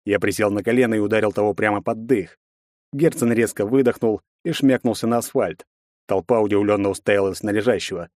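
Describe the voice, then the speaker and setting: Guy reading an audiobook, lowish voice, dry close mic, steady pace. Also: brisk, no room sound. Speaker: audiobook narrator. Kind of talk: first-person audiobook narration.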